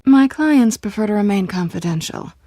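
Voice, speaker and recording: Catwoman, mellow-voiced sly woman acting a thief. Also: mid-range voice, lively intonation, normal speed, dry recording, clean studio sound, natural voice. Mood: cool, guarded. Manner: teasing, self-assured, guarded. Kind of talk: video game voice acting.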